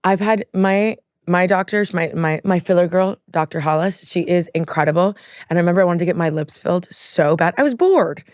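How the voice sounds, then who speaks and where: A woman from Miami, a podcast guest chatting casually and telling animated stories, acting out quotes and laughing often. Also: lowish voice, brisk, no echo, studio quality. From Miami, USA. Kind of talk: casual chat.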